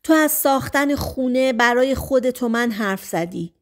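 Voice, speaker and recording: A defiant young woman in an audiobook, her voice climbing high and sharp, as a woman narrator puts her on. She talks back hard and raises her voice often. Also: animated. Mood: accusing.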